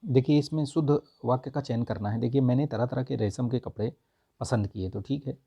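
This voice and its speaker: Gravelly, husky male teacher. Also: mid-range voice, brisk, warm tone, muffled recording. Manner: repeats key words and checks with "theek hai"; works through quiz answers step by step. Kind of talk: exam-prep grammar lesson.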